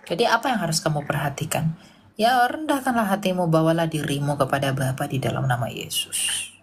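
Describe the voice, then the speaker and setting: A woman speaker answering questions on faith in an emphatic preaching style, repeating phrases and often dropping to a hushed voice. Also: deep voice, expressive, a little fast, noisy background. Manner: emphatic, repetitive exhortation that often drops to a hushed tone.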